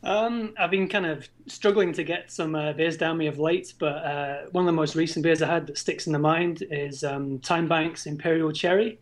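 A man's voice: fairly high pitch, steady tone, moderate pace, hardly any pauses. A man chatting casually as a podcast guest, in a droll, understated way. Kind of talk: casual chat.

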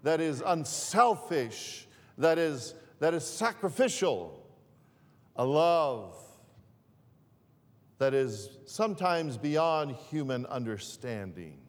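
A man preaching a sermon as pastor, repeating and restarting his phrases in a deliberate way. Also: a little high, very animated, in a large hall. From northern Greece.

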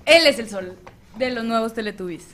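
A woman's voice: fairly high pitch, lively intonation, moderate pace, fairly bright tone. A woman on a comedy podcast, presenting a social media story with hesitant, giggly delivery. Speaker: podcast panelist. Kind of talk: presenting a news bit.

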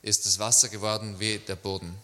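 A man's voice: on the low side, little pitch movement, brisk, bright, forceful tone, a little hiss or hum. A man interpreting a sermon live, phrase by phrase, with occasional fillers, in a reverberant hall. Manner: follows each phrase closely, with occasional fillers.

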